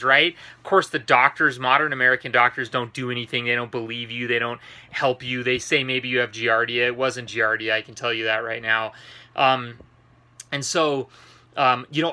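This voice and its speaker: Male vlogger, worn out and under the weather, strikingly sharp bright voice, mid-range pitch, informal chat from inside a compact RV. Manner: informal, rambling, earnest. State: tired and unwell. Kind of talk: casual talk to camera, personal health update. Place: inside a parked RV, small enclosed trailer space.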